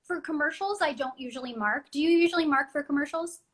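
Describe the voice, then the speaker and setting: Guesting on an interview about voice acting, a young adult woman talks freely and casually, with lots of ums and restarts. She is a voice actress. Her voice sits high and she speaks fast.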